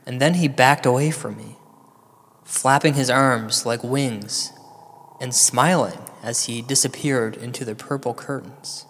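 Drenched in long reverb, a man acts out a paranoid male host of an audio drama about ghosts. He tells his tale like ominous late-night radio, at a middle pitch, rambling between self-pity and dry, dramatic asides. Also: unhurried, a bit bright. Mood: ominous, wry storytelling.

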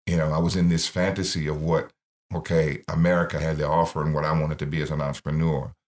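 A man's voice: rumbling low, flat delivery, quick pace, darkish tone. A middle-aged man, founder of a ministry, earnestly telling his life story in an interview and acting out the voices he quotes. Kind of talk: personal testimony in interview.

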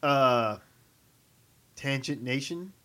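A man's voice: medium pitch, very slow, background noise. A young man co-hosting a casual podcast chat, blunt and joking. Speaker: podcast co-host.

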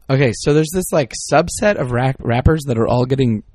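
A middle-aged man co-hosting a podcast chats casually, rambling, exasperated and often breaking off mid-word. His medium-pitched voice is animated and darkish at a moderate pace, recorded at studio quality with no room sound.

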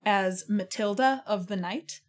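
A mid-range female voice, a little slow, belongs to a radio host broadcasting from a living room studio. Her talk is casual chat, patient as she explains words and often breaking into laughter.

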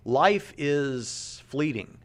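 Fairly high in pitch, he draws his words out and keeps his intonation lively. The speaker is a man in his late thirties reacting to a podcast clip as apologetics commentary, earnest and chatty, with a habit of repeating words as he works through his reasoning.

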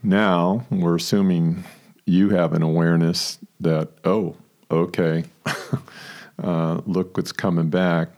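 A man's voice: deep voice, level tone, slow, darkish tone. A man co-hosting a talk show, speaking casually, acting out quoted lines and laughing often. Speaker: podcast co-host.

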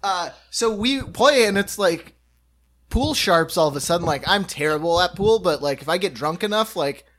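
A man's voice: high-pitched, expressive, moderate pace, a bit bright. Chatty man spinning a bar anecdote. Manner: loose, chatty, swears, acts out voices in anecdotes. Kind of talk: casual storytelling chat.

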